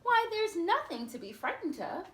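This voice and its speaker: A woman voicing a cheerful, confident young fairy-tale princess in a children's storybook, gentle and playful. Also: very high-pitched, sing-song, moderate pace, reverberant, voice pushed up, heavily acted. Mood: playful, reassuring. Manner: bright exclamations, gentle and playful.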